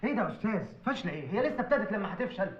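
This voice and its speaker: A man's voice: high voice, big pitch swings, rapid-fire. A man with an Egyptian accent trading sarcastic wisecracks in film comedy dialogue. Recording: slightly dull film audio.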